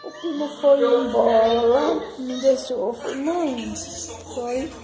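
Woman, Pernambuco accent, mom vlogger, baby talk, unhurried, music behind. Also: high voice, echoey room. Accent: Pernambuco Brazilian Portuguese. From Pernambuco, Brazil. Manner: playful and laughing, coaxing baby talk. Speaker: mother and family vlogger. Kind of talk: casual home vlog, talking to her babies and viewers. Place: family home indoors.

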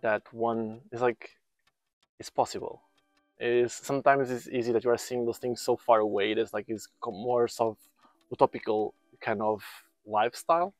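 This is a man in his thirties talking about volunteer building work on a countryside site. He wears a lapel mic, so his voice sounds close and dry. His pitch sits in the middle, and he hesitates and restarts often while he searches for words. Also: level tone, normal speed, no room sound, soft background music. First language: Portuguese. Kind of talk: casual on-site interview.

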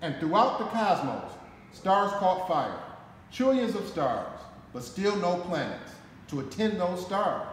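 Here a man in his forties, a firefighter from Detroit in the United States, gives a picture book a dramatic, deliberate reading with emphatic phrasing in his American accent. His voice is high and sing-song. The camera sits a short distance away in the indoor, concrete-floored station garage, leaving an echoey sound and noticeable background noise.

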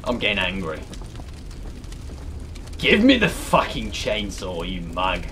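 A British man around his thirties plays a horror game as a let's player, reacting with casual, sweary exasperation. His low voice swoops wildly in pitch, with a bright, forceful tone at a slow pace. Background noise and game ambience are clearly present.

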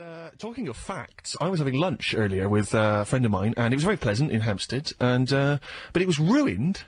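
Wry, lively male radio host. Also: high-pitched, breathy edge. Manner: wry, deadpan storytelling with mock-pompous asides. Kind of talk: casual radio chat. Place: radio studio. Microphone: studio microphone.

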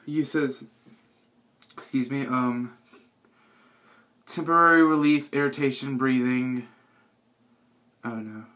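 A man's voice: mid-range voice, fairly even intonation, slow pace, long pauses, fairly bright tone. A man giving an informal, self-deprecating how-to in a casual vlog style, with bathroom echo on his voice. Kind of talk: casual chatty tutorial. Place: indoors in a small bathroom. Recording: echoey bathroom reverb.

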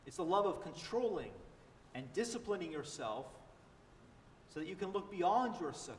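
A man's voice: sits high, animated, normal speed, recorded from a distance, a little hiss or hum. A man preaching a sermon as pastor, earnest and emphatic, repeating key phrases. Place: large church sanctuary. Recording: echoey church livestream from afar.

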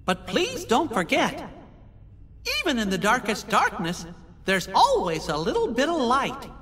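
A man voicing a small, kindly cartoon mouse king in a video game, earnest and encouraging, in a squeaky falsetto. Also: wildly swooping pitch, a little slow, bright, forceful tone, exaggerated voice. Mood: earnest, reassuring. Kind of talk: video game cutscene acting. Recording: long hall reverb.

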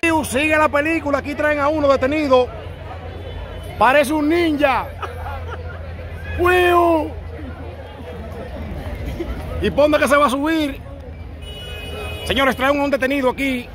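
Excitable high-voiced Dominican street reporter. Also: male voice, moderate pace, pauses often. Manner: excitable, joking, whoops loudly. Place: outdoors on a city street by a courthouse. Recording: crowd noise on a street.

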